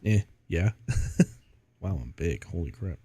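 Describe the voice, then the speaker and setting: A man's voice: sits low, expressive, slow, warm tone, husky, no room sound. A man streaming a video game in casual commentary, sounding sleepy and stuffy, rambling and laughing often. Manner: giggly, rambling.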